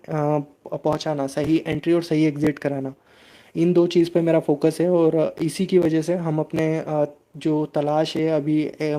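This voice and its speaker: A man with a fairly high-pitched, dark-toned voice hosts a crypto channel on a live stream. He explains things steadily and answers viewer chat, often filling pauses with hesitation sounds.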